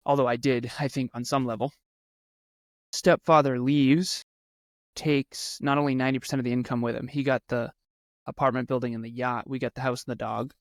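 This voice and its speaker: Man, 30s, podcast guest; earnest storyteller who repeats for emphasis, dry close sound, mid pitch. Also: no room sound. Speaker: podcast guest, speaker and coach. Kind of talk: conversational interview storytelling.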